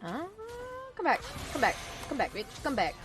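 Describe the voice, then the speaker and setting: A woman streaming a video game live, commenting on her play with profane trash-talk aimed at opponents, swinging between low muttering and loud yelling. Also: very animated, moderate pace, over music. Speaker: Twitch streamer.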